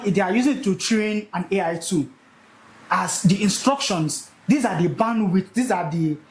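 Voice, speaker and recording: A young man teaching a live session, animated and repeating key words for emphasis. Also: high voice, echoey room, low-quality recording. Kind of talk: energetic classroom teaching.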